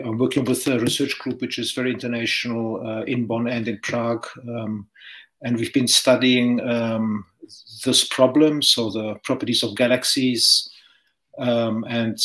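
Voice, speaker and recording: A middle-aged physics professor from Czechoslovakia, answering interview questions in a measured, hesitant, explanatory way. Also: male voice, medium pitch, little pitch movement, pushed and bright, rough recording.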